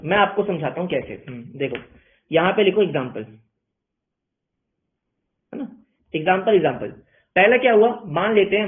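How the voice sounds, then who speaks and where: Guy teaching accounting, bit high voice, jokey, asks and answers himself, thin phone-ish audio. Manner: playful, answers his own questions in students' voices. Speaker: commerce teacher. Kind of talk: online accounting lecture. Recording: tinny phone-like sound.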